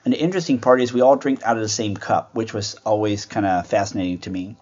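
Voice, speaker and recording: A man's voice: fairly low pitch, fast talker, darkish tone. A man hosting a Bible teaching show, talking earnestly and conversationally and asking rhetorical questions. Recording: dull lo-fi sound.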